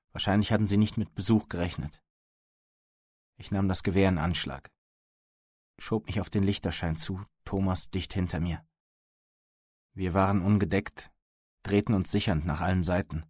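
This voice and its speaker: A man's voice: low voice, darkish tone, no room sound, clean studio sound. A man narrating an audiobook in the first person, with a terse, gritty, tense delivery.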